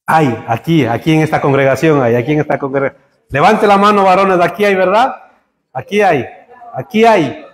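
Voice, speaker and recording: A man preaching a sermon to his congregation, joking with them and building to emphatic high peaks. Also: normal speed. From Spain. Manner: humorous, rising to emphatic peaks. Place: church hall. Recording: echoey church hall.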